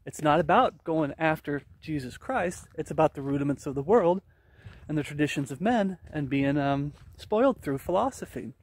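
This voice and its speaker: A man's voice: on the high side, animated, moderate pace, a little mellow, no echo. A man in his forties preaching informally and emphatically as he walks outdoors, pressing his points with rhetorical questions, recorded on a phone at arm's length. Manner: talking while walking. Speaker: religious vlogger. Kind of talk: informal preaching while on a walk. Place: outdoors on a wooded path.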